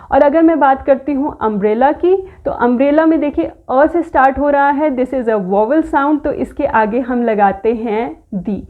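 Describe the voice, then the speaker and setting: A woman with an Indian accent teaching English pronunciation in a Hindi-English mix, slowing down to say the example words. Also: high-pitched. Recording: tinny phone-like audio.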